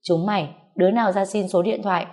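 A woman voicing a gaggle of gossipy teenage schoolgirls, gushing and excitable. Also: medium pitch, fast, lightly acted.

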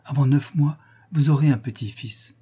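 A man voicing a passionate, impulsive young countess, pleading and effusive, his voice lifted higher. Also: normal speed, dark tone, breathy edge.

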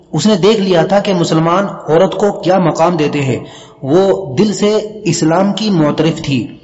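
A man narrating a story as an audiobook in a measured, even storytelling manner. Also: a little high. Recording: dull lo-fi with long reverb.

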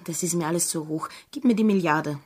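A woman's voice: fairly quick, darkish tone, breathy edge. A coy, teasing, mercenary woman. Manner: teasing, coy, turns shrill. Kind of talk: radio play acting.

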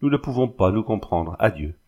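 Guy reading a proud hurt young woman, bitter, kinda low voice. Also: animated, brisk, slightly rough, highs cut off. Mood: indignant.

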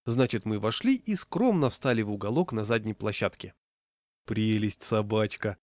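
Man reading a funny story out loud, dry close sound, mid pitch. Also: very animated, fairly quick, dry recording. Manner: ironic first-person storytelling. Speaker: narrator.

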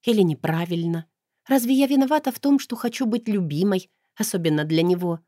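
A woman narrating a first-person audiobook in a smooth, even storytelling manner. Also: medium pitch, brisk, no echo, studio quality.

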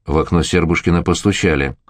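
A man narrating a novel as an audiobook in a measured storytelling manner. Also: low-pitched, no echo.

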